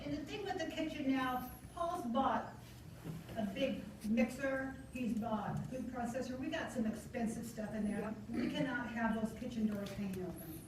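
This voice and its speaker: A woman's voice: on the high side, normal speed. A woman speaking informally at a club meeting in a direct, insistent manner. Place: meeting room, far from the mic. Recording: very echoey room, distant mic, clear noise.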